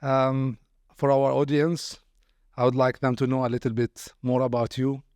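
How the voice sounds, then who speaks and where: A man's voice: medium pitch, flat delivery, moderate pace, no echo. Man hosting a podcast, dry close sound. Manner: warm, welcoming, hesitant restarts. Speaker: podcast host. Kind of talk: podcast interview.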